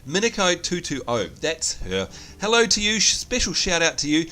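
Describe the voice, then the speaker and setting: A man with a New Zealand accent who's sick with a cold gives casual let's play commentary, chatty and poking fun at himself as he plays a game. His fairly high voice is bright and forceful, swinging widely in pitch at a moderate pace.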